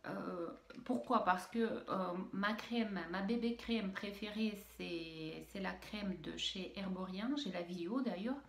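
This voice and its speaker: A woman's voice: medium pitch, measured pace, gravelly, roomy sound. A woman with a Russian accent, chatting casually as she unboxes beauty products, hesitant with many fillers and restarts. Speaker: beauty vlogger. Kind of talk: unboxing video, casual chat.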